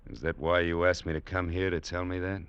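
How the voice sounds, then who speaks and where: A hard, wry gunslinger who narrates his own story. He speaks in clipped lines with a somewhat low voice. The sound is muffled, like an old radio broadcast. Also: little pitch movement, brisk, a bit bright, clear, resonant tone, no room sound. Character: hard, tough young gunslinger. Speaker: narrator and lead. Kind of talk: old-time radio drama acting. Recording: dull old radio recording.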